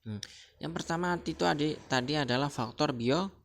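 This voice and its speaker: A man's voice: a little high, normal speed, vocal fry. A man from Central Kalimantan, Indonesia, teaching a lesson in a casual, chatty way and often checking in with the listener. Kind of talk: casual explanatory lecture.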